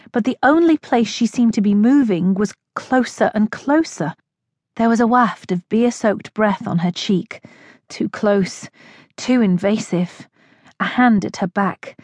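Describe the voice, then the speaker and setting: A woman reads a romance audiobook in a measured, expressive voice of medium pitch. The recording is close and very dry, with no room sound at all. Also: dry recording. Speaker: audiobook narrator. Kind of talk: scripted narration.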